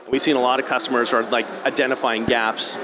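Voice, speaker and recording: A man's voice: medium pitch, level tone, fast, background noise. A man giving an informal technical presentation at a conference, conversational and often rephrasing himself mid-sentence. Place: live talk at a conference venue.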